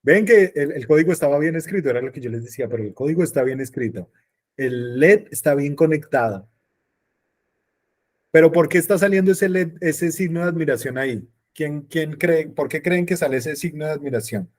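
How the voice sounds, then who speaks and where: A man's voice: on the high side, a little fast. A man teaching an online class, talking casually and often checking in with questions to his students. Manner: chatty, checks in with frequent rhetorical questions. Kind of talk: online class explaining circuits.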